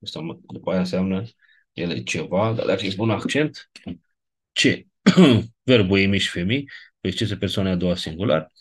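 A man's voice: low voice, lively intonation, breathy edge. A man teaching a lecture class, explaining grammar step by step and checking in with his students.

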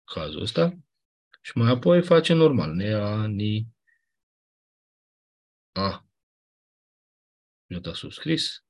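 A man teaching a class, explaining grammar rules patiently, often checking that students follow and clearing his throat now and then. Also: on the low side, sing-song, long pauses. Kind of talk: classroom lecture on Ancient Greek grammar.

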